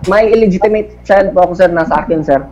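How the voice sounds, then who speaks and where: A man's voice: high voice, fast talker, darkish tone. A man with a Filipino accent on a call, defensive and adding "sir" to every sentence. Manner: defensive, keeps saying sir. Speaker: respondent husband.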